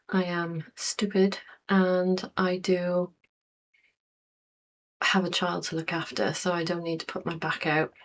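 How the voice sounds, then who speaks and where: A woman in her forties chatting casually to camera in a rambling vlog, with lots of fillers. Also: on the low side. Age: 40s. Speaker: YouTuber.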